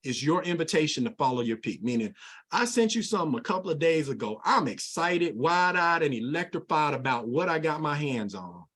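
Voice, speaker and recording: A middle-aged man leading an energetic sales training over a video call, animated and folksy, with plenty of casual asides. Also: a little high, fairly quick.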